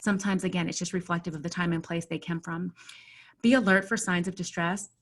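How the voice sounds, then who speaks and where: A woman's voice: on the low side, fairly even intonation. Earnest woman on a video call. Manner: thoughtful, measured, frequent ums. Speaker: webinar panelist. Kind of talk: earnest discussion.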